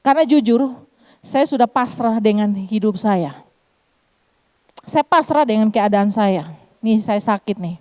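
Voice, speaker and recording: A woman's voice: medium pitch, lively intonation, measured pace, long pauses, warm tone. A middle-aged woman pastor with an Eastern Indonesian accent, preaching a sermon and sharing a personal testimony, often calling out to the congregation. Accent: Eastern Indonesian, Kupang Malay. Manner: addresses congregation as "saudara" often.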